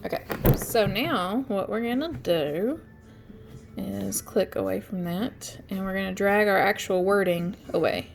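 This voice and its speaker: A woman's voice: medium pitch, a little slow, gravelly, soft background music. A congested woman chatting through step-by-step instructions in a casual tutorial, with frequent ums. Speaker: craft tutorial host. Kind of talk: casual screen-share tutorial.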